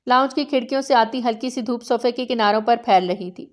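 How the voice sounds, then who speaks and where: Female narrator for a novel reading, steady and dramatic, slightly high voice. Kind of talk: reading a romance novel aloud.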